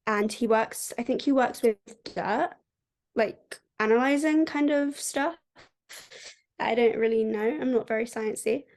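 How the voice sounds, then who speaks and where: A woman's voice: on the high side, unhurried, a little mellow. A woman co-hosting a podcast, casually recapping a book and filling her talk with "like.". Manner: chatty, heavy use of "like" fillers. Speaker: podcast co-host.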